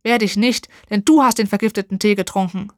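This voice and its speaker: A woman voicing a clever, brave young boy hero in a fairy-tale reading, eager and quick-witted. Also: mid-range voice, dry recording, clean studio sound, natural voice.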